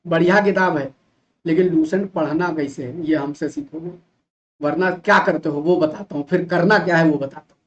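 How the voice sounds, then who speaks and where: A male teacher from Uttar Pradesh giving an animated classroom lecture, full of rhetorical questions and mock imitations of students. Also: high-pitched, muffled recording. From Uttar Pradesh, India.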